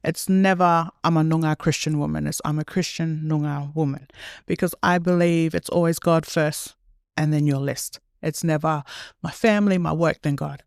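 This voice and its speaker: A woman's voice: low voice, dry recording, clean studio sound. A young woman, a nurse, answering interview questions in a chatty, earnest way and laughing at herself now and then. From Australia. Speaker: nurse and podcast guest.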